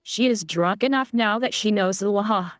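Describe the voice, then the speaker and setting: Female reaction host, wry and deadpan, dry close recording. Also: mid-range voice, moderate pace, dry recording. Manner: sarcastic, wry. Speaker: reaction commentator. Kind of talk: reaction commentary.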